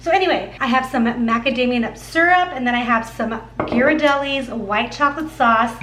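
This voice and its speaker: A high-voiced cooking vlogger chats casually in her kitchen, with a slight lisp from her dental aligners. She talks at a normal speed over a noisy background, calling her viewers "guys" and filling her speech with words like "like."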